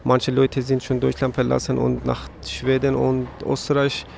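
A man's voice: mid-range voice, completely flat delivery, moderate pace, vocal fry. A man, a protester speaking broken German and often starting with "also". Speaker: asylum-seeking protester. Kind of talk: street interview. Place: outdoors in a city street. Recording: faint traffic noise outdoors.

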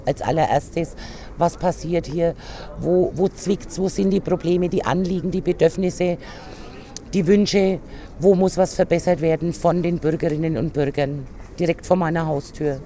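A woman from a union migration committee, speaking emphatically in an interview clip and pausing to search for words. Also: fairly low pitch, steady tone, dark tone.

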